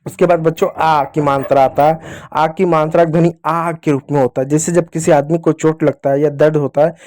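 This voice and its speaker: Writing with a pen at a board or screen, a man gives a beginner Hindi reading lesson, patiently repeating key points and addressing viewers as children. His voice is on the high side and darkish, with fairly even intonation and a fairly quick pace.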